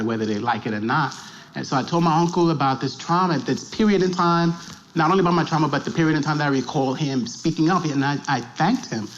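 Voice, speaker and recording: Man, documentary interview, halting and soft, many fillers, faint background hiss. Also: fairly high pitch, dull audio. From New York. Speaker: abuse survivor telling his story. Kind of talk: documentary interview and poem reading.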